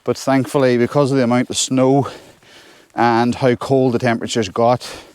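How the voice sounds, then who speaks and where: Male hiking vlogger, Northern Irish, mid-pitched, chatting casually outdoors while trudging through snow. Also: little pitch movement, moderate pace, a little mellow, smooth, no room sound. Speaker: solo hiker vlogging. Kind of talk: casual walking vlog. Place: outdoors on a snowy hill forest track.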